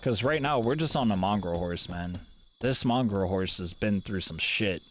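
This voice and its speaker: Laid-back low-voiced male streamer. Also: animated, moderate pace. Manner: laid-back, rambling, swears casually. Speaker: game streamer. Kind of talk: casual live-stream commentary.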